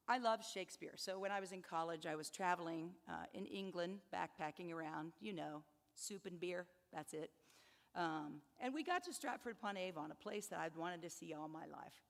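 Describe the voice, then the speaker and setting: A woman in her fifties giving a speech to new students, telling personal stories in an animated, humorous way. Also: on the low side, moderate pace, gravelly, big-room sound. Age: 50s. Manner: storytelling, animated, laughs at her own stories. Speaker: convocation speaker.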